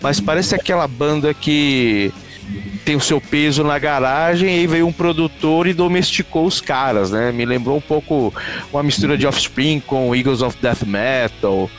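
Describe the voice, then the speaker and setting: A man co-hosting a casual music review, animated and slangy in his speech. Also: a little high, moderate pace. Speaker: co-host.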